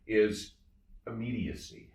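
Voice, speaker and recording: Here the same kind of speaker, a male audio reviewer and show host, chats enthusiastically about gear, effusive and emphatic, with frequent repeated phrases. His voice sits fairly low and a little mellow, with fairly even intonation, and he speaks slowly. It's captured in a roomy space from a bit away from the mic.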